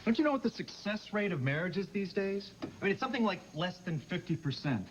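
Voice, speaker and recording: A teasing, cocky kidnapper. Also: male voice, high voice, very animated, brisk. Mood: smug. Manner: sarcastic, mocking. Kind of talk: 1990 TV soap acting. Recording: dull lo-fi TV audio with faint hiss.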